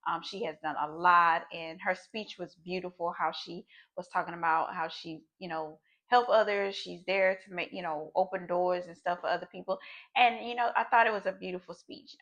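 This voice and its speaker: A woman's voice: on the low side, fairly bright tone, highs cut off. A woman hosting her own talk show, chatting casually to her viewers with slang and sudden emphatic bursts. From United States. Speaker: show host. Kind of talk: casual chat to camera.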